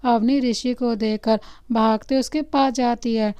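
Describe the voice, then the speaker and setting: A woman storyteller reading a romantic story aloud in a steady, expressive narration. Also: fairly high pitch, measured pace, clear, resonant tone, dry recording.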